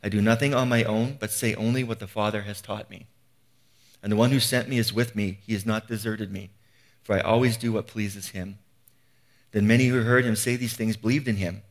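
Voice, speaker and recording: A man's voice: fairly low pitch, steady tone, brisk. A man in his fifties giving an earnest, conversational sermon, often restarting phrases and asking rhetorical questions. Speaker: preacher.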